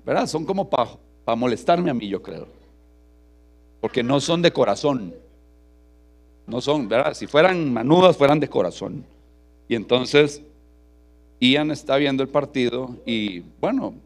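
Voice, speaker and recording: Costa rican pastor guy preaching, middle-aged, chatty stories, keeps tagging stuff with verdad, then gets loud and punchy. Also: mid-range voice. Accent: Costa Rican Spanish. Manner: frequent tag question "¿verdad?", storytelling, rising to forceful emphasis. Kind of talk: sermon with personal anecdotes.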